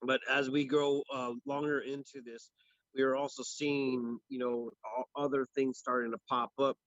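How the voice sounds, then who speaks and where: A man's voice: medium pitch, level tone, moderate pace, fairly bright tone, no room sound, lo-fi sound. A man co-hosting a local news livestream, chatting casually off the cuff with many restarts and fillers. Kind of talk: casual ad-libbed chat.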